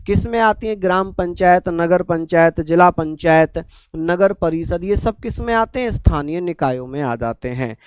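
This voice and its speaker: A man from India with a sore, infected throat, teaching a live online class slowly and calmly, repeating points and asking his students questions. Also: high-pitched, clear, resonant tone, no echo.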